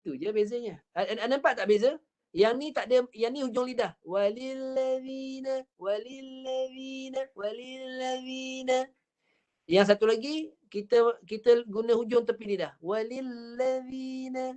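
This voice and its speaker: A woman with a Malaysian accent teaching Quran recitation over a video call. She demonstrates each sound slowly and repeats it patiently. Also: on the high side, a little mellow. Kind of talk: online tajwid lesson.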